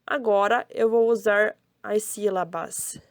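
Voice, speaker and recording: Slow, cheerful Brazilian woman teaching kids. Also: medium pitch, fairly even intonation. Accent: Brazilian Portuguese. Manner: cheerful, sing-song, addressing kids directly. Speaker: children's teacher. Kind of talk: slow, syllable-by-syllable children's lesson.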